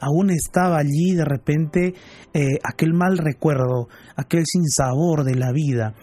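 Soft-spoken earnest male pastor. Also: fairly high pitch, fairly even intonation, measured pace, no echo. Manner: earnest, gentle, retells dialogue. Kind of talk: radio-style pastoral talk.

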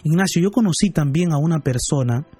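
A man speaking as a pastor, gently and earnestly telling a story and addressing listeners. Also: on the high side, animated, a little fast, slightly rough, soft background music. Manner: earnest, gentle, retells dialogue. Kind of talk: radio-style pastoral talk.

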